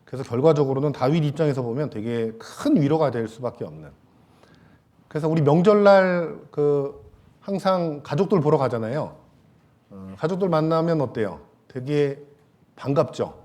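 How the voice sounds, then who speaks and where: A man preaching a Sunday sermon in a church, with a mellow, relaxed tone. He talks casually with the congregation, tosses in light jokes, and trails off into soft fillers between thoughts. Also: on the high side, normal speed. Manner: casual, joking asides to the congregation; many hesitation fillers, trailing off softly. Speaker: pastor. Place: church sanctuary.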